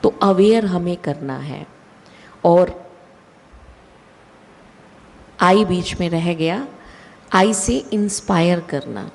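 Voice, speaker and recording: A woman giving a slow, deliberate spiritual talk with emphatic rises in her voice. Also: fairly low pitch, animated, vocal fry. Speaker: spiritual speaker. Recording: long hall reverb.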